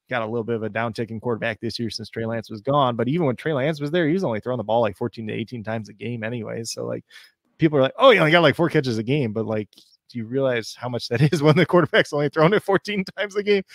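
A man rattles off stats at speed on a podcast panel. His voice sits mid-range and sounds dry and close, with no room around it. He talks casually and builds his case quickly. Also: mid-range voice, no echo. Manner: fast, stat-heavy, animated arguing. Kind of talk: casual fantasy football chat.

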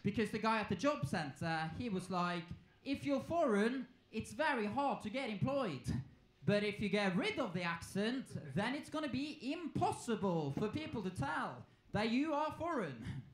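A Norwegian man in his twenties performs a live stand-up routine on a comedy club stage, speaking conversationally and playfully acting out exchanges. His voice is high-pitched and sing-song at a moderate pace, heard through a handheld mic amid echoey, noisy club sound.

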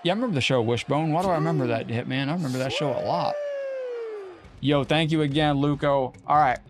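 Excitable man streaming a game. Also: a little high, fast, slight background noise. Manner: excitable, talks to chat and his cat. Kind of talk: casual live-stream chat.

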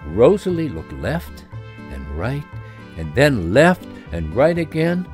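Man reading a kids story, voice jumps all over the place, soft music behind. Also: mid-range voice, slow pace. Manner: expressive, gently explaining.

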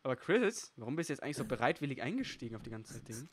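A gamer hosting a casual session with friends, excitable, swearing and shrieking when things go wrong. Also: mid-range voice, very fast, slight background noise. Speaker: game channel host. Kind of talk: casual gaming chat with friends.

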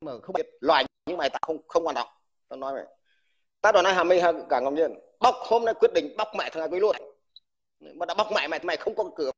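A man's voice: a little high, fast. A man who is an army veteran, delivering an angry, insulting rant to someone in a livestream and stammering over repeated words when heated. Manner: combative, insulting, addresses the listener with crude terms. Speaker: army veteran speaking out online. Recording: dull lo-fi recording.

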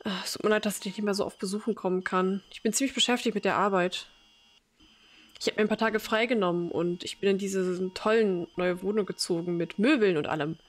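A woman's voice: mid-range voice, fairly even intonation, a little fast, natural voice. A woman reading the lines of a polite, awkward young man in a game, speaking hesitantly and apologetically. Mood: apologetic.

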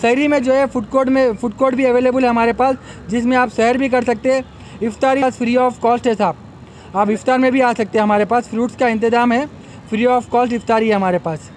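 A man's voice: extremely high pitch, steady tone, a little fast, slight background noise. A young man, an event organizer giving a promotional press statement into a bank of microphones at an outdoor expo, repeatedly urging customers to come. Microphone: bank of press microphones on a table.

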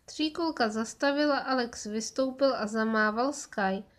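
A woman narrating a children's audiobook in a clear, measured storytelling voice. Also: on the high side.

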